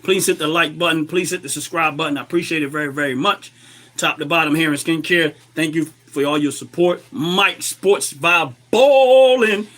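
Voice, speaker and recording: Slightly sick man hosting, bright forceful voice. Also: fairly high pitch, fairly even intonation, a little fast. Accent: American. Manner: colloquial, opinionated, repeats phrases for emphasis. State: a little under the weather, clearing throat. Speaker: livestream host. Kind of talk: casual livestream political commentary.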